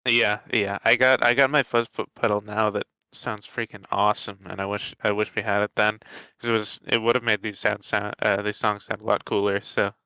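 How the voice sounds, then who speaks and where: A young man with a bright, forceful voice jokes his way through a relaxed chat with a friend and laughs often. The sound is dry and close. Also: fairly low pitch, fairly quick, few pauses, clean tone, no echo, poor audio. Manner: joking, easygoing, laughs a lot. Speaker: co-host guest. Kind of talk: casual reaction chat.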